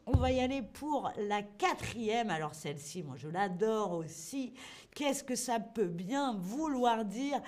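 A woman with a fairly high voice leads a live online language lesson. She talks slowly and playfully and keeps putting questions to her viewers. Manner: lively, playful, asks learners questions and answers chat. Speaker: French teacher.

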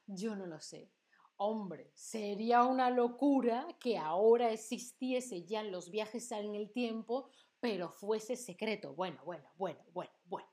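She talks at a measured pace in a mid-range, slightly mellow voice. The speaker, a young Andalusian woman with a neutral standard accent, teaches Spanish over a live stream, chatting away, asking viewers things and reading out what they type.

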